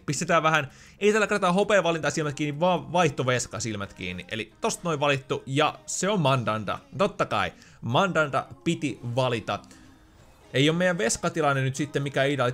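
A man's voice: mid-range voice, a bit bright. Chatty man thinking aloud over game. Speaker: gaming YouTuber. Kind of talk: casual gameplay commentary.

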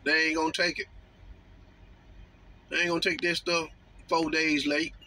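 Man, trucker, casual monologue, slow emphatic drawl, somewhat high voice, phone mic on dashboard. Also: little pitch movement, bright, forceful tone, slight background noise. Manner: drawling, mocking commentary with slow emphatic phrases. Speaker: truck driver vlogger. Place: parked in a truck cab at a rest area.

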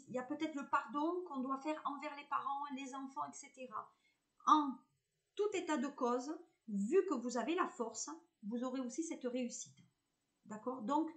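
A woman's voice: high voice, a bit bright. A woman with a southern French accent, giving a live card reading as a medium, chatty and reassuring, hesitating often.

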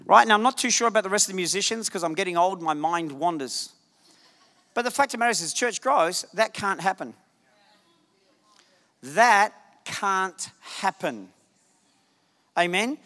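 High bright-voiced male preacher in a hall. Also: quick pace. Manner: animated, jokey, shouts for emphasis. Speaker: guest preacher. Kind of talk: lively sermon. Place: church sanctuary. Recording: church hall reverb.

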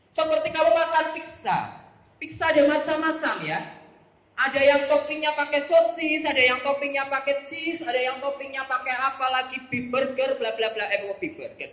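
Male Bible teacher for kids, very high voice, teasing and quizzing, roomy echo. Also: a bit bright. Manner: playful, calls on pupils by name and quizzes them. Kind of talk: classroom Bible lesson.

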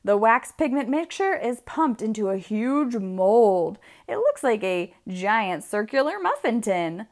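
Reading a children's picture book aloud, a female storyteller uses a fairly high voice with lively rises and falls. Her pace is measured with few pauses, and she stresses key words by drawing them out.

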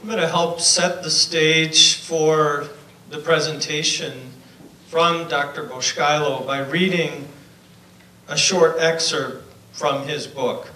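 Middle-aged man reads a passage aloud, slow and bright, echoey distant hall. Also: on the high side, fairly even intonation. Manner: slow, measured reading. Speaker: event presenter. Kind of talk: reading a book excerpt aloud. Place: lecture hall. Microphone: handheld mic, filmed from far. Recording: echoey hall, far from camera mic.

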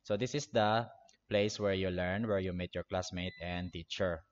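A man in his twenties from the Philippines, an English teacher slowly walking an online class through a review, repeating each point. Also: deep voice, steady tone. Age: 20s. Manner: slow, repetitive classroom explaining. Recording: dull lo-fi online class audio.

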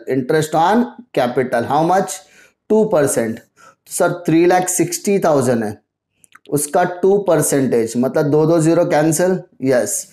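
A man's voice: fairly high pitch, a little mellow. A male commerce teacher explaining an accounting problem step by step, mixing Hindi with English terms and asking and answering his own questions. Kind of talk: accounting lesson. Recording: echoey room sound.

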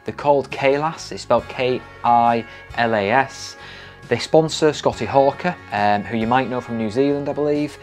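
A man's voice: mid-range voice, moderate pace, faint music behind. A young British man casually reviewing gear to camera in a small room at home. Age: young adult. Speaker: trail running vlogger.

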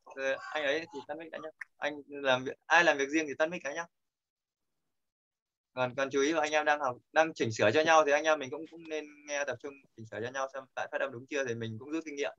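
A man's voice: fairly high pitch, fairly even intonation, a little fast, fairly bright tone. A man teaching an online pronunciation class, patient and corrective, often repeating his points. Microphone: video call. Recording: dull lo-fi call audio.

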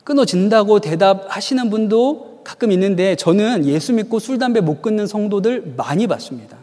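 A man preaching in a high, animated voice that rises and falls freely. He tells stories and keeps asking his listeners questions. A long reverb trails his words. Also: moderate pace. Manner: storytelling, asks the audience rhetorical questions. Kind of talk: sermon.

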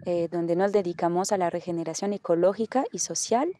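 A French woman in her thirties, a landscaper and environmental activist, speaking earnestly outdoors in a documentary interview, pausing often with fillers. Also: fairly low pitch, warm tone. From France. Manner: earnest, hesitant with many fillers. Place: outdoors in hilly countryside.

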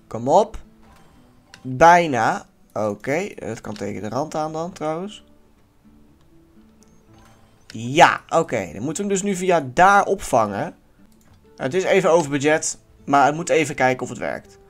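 Lively man doing game commentary. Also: on the high side, measured pace, pauses often, soft background music. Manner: lively, swears, bursts into yells at near misses. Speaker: gaming YouTuber. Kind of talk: casual let's-play commentary.

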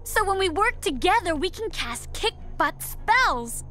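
A woman's voice: extremely high pitch, very animated, measured pace, pushed and bright, full character voice. An actress playing a spirited, sassy teenage troll girl in a cartoon. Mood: eager. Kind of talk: animated cartoon dialogue.

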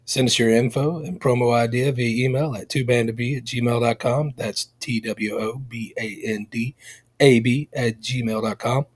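Husky man reading a podcast promo. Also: mid-range voice, steady tone, moderate pace. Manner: smooth announcer-like read. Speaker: podcast co-host.

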